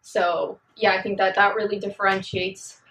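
A woman's voice: medium pitch, flat delivery, normal speed, a bit bright, rough recording. A young woman talking casually and thoughtfully about her fiancé, rambling with many fillers. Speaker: interviewee, host's fiancée. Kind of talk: casual conversation.

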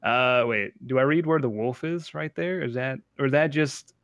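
A man's voice: medium pitch, normal speed, fairly bright tone. A man co-hosting a casual gaming podcast on a call, joking and swearing, reading lore aloud with mock drama. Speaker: podcast co-host.

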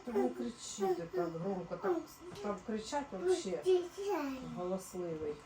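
A woman in a casual family moment tosses off quick remarks about the child, her voice moving lively up and down. She is caught from a distance in an echoey room, with loud noise all around. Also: medium pitch. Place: home kitchen.

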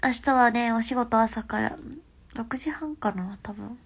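A young woman with a stuffy nose, chatting casually on a phone livestream and often dropping into soft half-whispers. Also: on the high side, slow, husky. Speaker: livestream host.

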